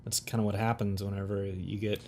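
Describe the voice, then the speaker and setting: Low-pitched young male co-host, laid-back jokes, faint background noise. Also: level tone, fairly quick, a little mellow. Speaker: podcast co-host. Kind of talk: casual podcast chat.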